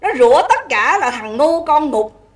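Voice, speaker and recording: A woman's voice: high voice, sing-song, measured pace, recorded from a distance. A woman hosting a livestream, scolding and insulting at length and asking her viewers again and again if she is right. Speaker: livestream host. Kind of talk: angry livestream rant.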